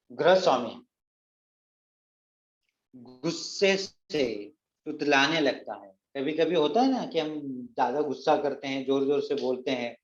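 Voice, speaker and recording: Male teacher explaining a play, paraphrasing each line, in a lo-fi room recording. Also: a little high. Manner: reads lines aloud, then paraphrases and repeats them. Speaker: Hindi teacher. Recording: echoey, dull lo-fi recording.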